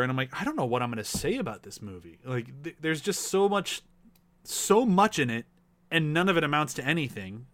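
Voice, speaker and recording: A man's voice: on the high side, fairly bright tone. A man in a casual film discussion, talking in a rambling way and acting out imagined quotes as he goes. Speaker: movie review panelist.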